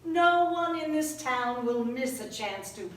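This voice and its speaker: An older woman playing a stubborn, sharp-tongued widow with dry, teasing humor on a community theater stage. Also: high voice, lively intonation, measured pace, slight background noise. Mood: wry. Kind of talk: community stage play acting. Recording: echoey hall, miked from far off.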